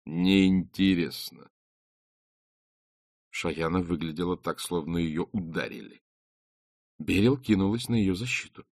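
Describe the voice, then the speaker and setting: A man narrating an audiobook in a calm, measured reading voice. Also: low voice, dry recording, clean studio sound. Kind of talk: scripted narration.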